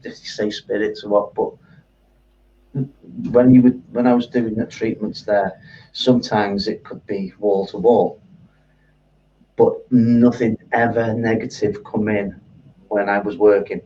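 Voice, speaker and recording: Male guest, hesitant and halting, mellow low voice, recorded at a distance on a muffled line. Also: steady tone. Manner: hesitant, repeats words. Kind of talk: casual interview.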